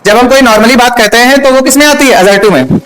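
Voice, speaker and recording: A man's voice: extremely high pitch, quick pace, a bit bright. A male teacher giving a classroom grammar lesson, often stopping to check that his students have understood. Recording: echoey room.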